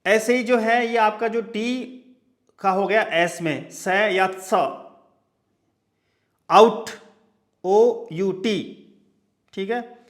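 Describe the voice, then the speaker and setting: A man's voice: high-pitched, fairly even intonation, slow, long pauses, a bit bright. A male teacher giving a lecture, who spells out example words letter by letter and keeps checking in with his listeners. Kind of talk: classroom lecture.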